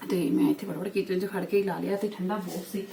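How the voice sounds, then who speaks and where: A woman's voice: lowish voice, fairly even intonation, quick pace, creaky. A young woman with a Punjabi accent chatting casually in a home vlog, repeating herself and adding tag questions. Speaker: homemaker vlogger and mother. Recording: noisy home recording with clicks.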